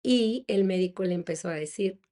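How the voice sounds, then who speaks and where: A woman's voice: mid-range voice, a little fast, warm tone. A woman, a psychologist hosting a podcast, talking conversationally and reflectively with small laughs and fillers. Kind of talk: casual monologue on parenting.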